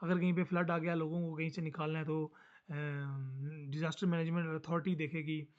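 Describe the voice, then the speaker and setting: Fast-talking high-voiced male teacher. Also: little pitch movement, dull audio. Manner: fast-talking, mixes Hindi with English terms. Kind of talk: explaining a social studies lesson.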